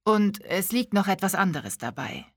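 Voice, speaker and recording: A woman voicing a kindly, mysterious old man who speaks slowly and thoughtfully. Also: medium pitch, big pitch swings, slightly rough, dry recording, clean studio sound. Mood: gently insistent. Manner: slow, thoughtful delivery.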